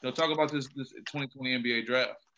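Bright-voiced man hosting a sports talk show. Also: mid-range voice, fairly even intonation, rapid-fire, slight background noise. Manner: conversational, emphatic. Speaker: podcast host.

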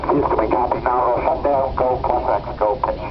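A shuttle crew member reading back calls in clipped radio style over a crackly space-to-ground link. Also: male voice, mid-range voice, fairly even intonation, a little fast. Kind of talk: terse radio callouts. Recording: muffled, hissing radio link.

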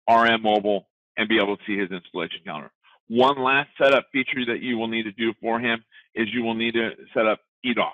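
Man, software trainer, casual step-by-step webinar walkthrough, dry close sound, phone-line audio. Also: on the low side, no echo.

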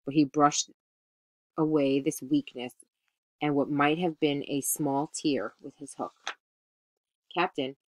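A woman teacher reading a children's story aloud, expressive, now and then correcting a slip. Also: deep voice, measured pace, no room sound. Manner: expressive, occasional self-corrections.

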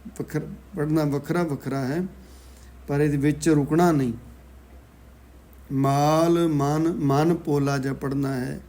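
A man teaching scripture recitation line by line, slowly spelling out letters and syllables with a Punjabi accent. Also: fairly high pitch, steady tone, mellow.

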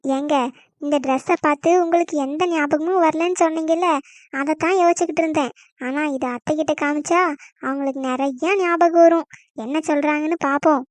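A woman's voice: sits high, steady tone, a little fast, dry recording, lightly acted. A woman voicing a scheming young wife in a cartoon comedy, plotting in sly asides and putting on tearful complaints. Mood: sweet. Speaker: daughter-in-law.

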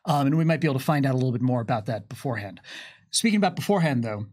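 Seated at a table in a small curtained studio, this thirties-aged game developer co-hosts a demo of tabletop rules, talking through them casually. His mid-range voice is very fast and darkish, with lively intonation. A microphone on a boom stand picks him up.

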